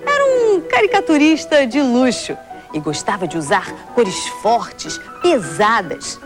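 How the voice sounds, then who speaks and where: A woman from Brazil presenting sports news in a lively, playful way, sometimes drawing words out. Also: a little high, a little slow, music in the background.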